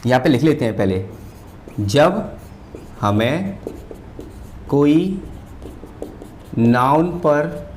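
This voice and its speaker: A male teacher giving a whiteboard grammar lesson, pausing and repeating words as he writes. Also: medium pitch, sing-song, a little mellow, slight background noise. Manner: slow, repeats words while writing, often says "ठीक है".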